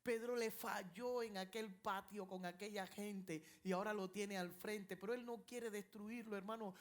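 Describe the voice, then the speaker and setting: A male pastor preaching an impassioned, dramatic sermon. He moves between loud passages and hushed ones. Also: sits high.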